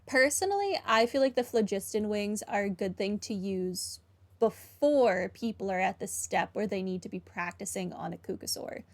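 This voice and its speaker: A woman with an expressive, mid-range voice streams a game at normal speed, giving casual playthrough commentary. She explains her opinions conversationally as she reacts and reads out dialogue choices.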